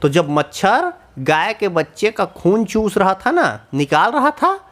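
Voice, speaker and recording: A man narrating a children's cartoon story, often pausing to ask the young listeners questions. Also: sits high, sing-song, a bit bright. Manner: asks the children questions, sing-song.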